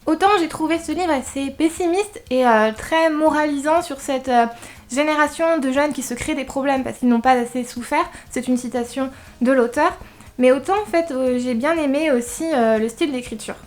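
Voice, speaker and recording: High-voiced woman with a slight lisp. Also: moderate pace, a little mellow. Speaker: book reviewer presenting recent reads. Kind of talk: casual scripted-outline vlog talk.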